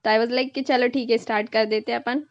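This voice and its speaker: A woman's voice: fairly high pitch, steady tone, brisk, muffled recording. A young woman vlogger narrating her family's festival video in a casual, chatty way, dropping in English words now and then.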